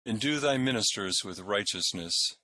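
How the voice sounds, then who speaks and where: A man leading church prayers as a minister, reciting in a measured, solemn and formal way. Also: lowish voice, lively intonation, pushed and bright, slight background noise. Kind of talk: liturgical recitation and sermon.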